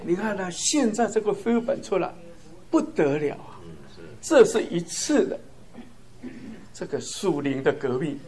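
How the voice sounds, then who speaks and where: A man's voice: high voice, very animated, a little slow, pauses often, a little mellow. A man giving a fervent sermon-style testimony, chuckling often and stressing points in lists. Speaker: church speaker.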